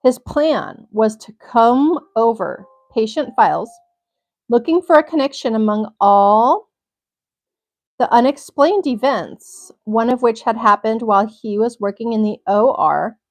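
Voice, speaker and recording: A woman's voice: fairly high pitch, lively intonation, measured pace. Young woman reading a crime article aloud. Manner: reads steadily, breaks off with blunt swearing reactions. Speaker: livestream host reading an article. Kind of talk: reading aloud with personal asides.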